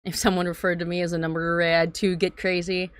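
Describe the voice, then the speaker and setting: A woman's voice: lowish voice, little pitch movement, fast talker, slight background noise. A woman giving casual, slangy gameplay commentary, swearing freely and reacting with animation. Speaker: let's-play streamer.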